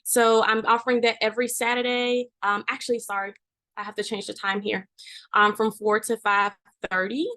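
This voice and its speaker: A woman presenting her small dance business at an open mic, pausing often with ums. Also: a little high, level tone, bright, forceful tone, no echo. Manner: hesitant, with many ums. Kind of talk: casual self-introduction.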